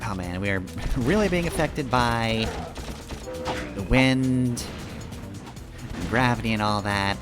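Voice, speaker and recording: With video game music behind him, a man rambles casually through live commentary on his gameplay, thinking out loud. He has a mid-range voice and sounds animated, though he takes it slowly with long pauses.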